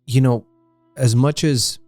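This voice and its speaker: A man's voice: medium pitch, steady tone, slow pace, a little mellow, no echo, faint music behind. A man co-hosting a casual history podcast, talking in a rambling way with many fillers and restarts. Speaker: podcast co-host.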